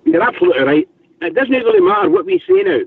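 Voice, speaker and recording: Phone-in caller: man, husky, high-pitched, heard over a thin, faraway phone line. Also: wildly swooping pitch, quick pace. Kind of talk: casual call-in chat. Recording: muffled phone line from far off.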